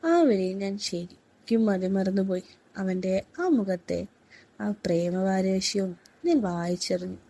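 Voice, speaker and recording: A woman reading a first-person story aloud in a soft, unhurried, intimate way. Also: mid-range voice, flat delivery, gravelly.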